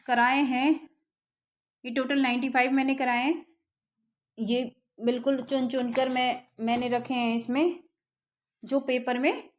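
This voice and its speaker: A woman teacher runs an exam-prep spelling lesson. Her voice sits a little high, and her pace is slow and deliberate. She repeats each word patiently so her students can follow along. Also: a little mellow. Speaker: Hindi teacher.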